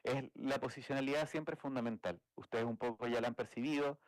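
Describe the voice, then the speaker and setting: A man's voice: mid-range voice, steady tone, fairly quick, no echo, low-quality recording. A man from Chile, speaking, giving a thoughtful academic talk as a game designer, with frequent restarts and "eh" fillers. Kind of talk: academic lecture.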